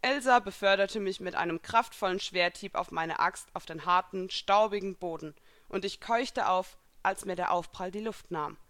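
A woman reading first-person fan fiction aloud in a calm, even storytelling voice. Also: medium pitch, moderate pace, dry recording.

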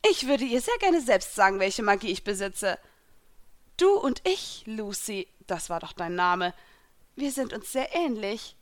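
A woman's voice: big pitch swings, unhurried. Woman doing a sneering young villain sorceress. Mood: mocking. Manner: taunting, sneering, louder and higher. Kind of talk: fan fiction reading.

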